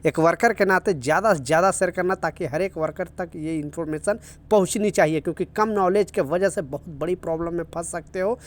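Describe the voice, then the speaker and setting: A man's voice: sits high, a little fast, hardly any pauses. A man giving casual video news updates for workers in the Gulf, earnest and repetitive, urging viewers to take care. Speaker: news vlogger for workers in the UAE.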